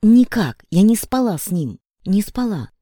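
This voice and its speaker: A man's voice: mid-range voice, big pitch swings, normal speed, a little mellow, breathy edge, no room sound, clean studio sound. A man voicing a desperate young woman who pleads and cries out in tears. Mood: screaming. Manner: pleading, tearful, raised voice.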